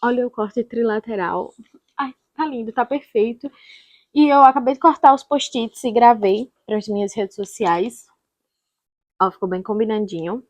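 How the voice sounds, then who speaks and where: A Brazilian woman talks in a fairly high voice, in the casual style of a reading vlog. She is informal and chatty, rambling along and correcting her own words as she goes. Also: moderate pace, no echo. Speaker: book vlogger.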